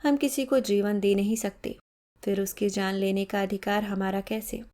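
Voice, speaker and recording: A woman's voice: mid-range voice, fairly even intonation, normal speed, dark tone, natural voice. A woman voicing a guilt-ridden young male killer in a story, speaking with tense, anguished muttering. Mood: anguished, haunted.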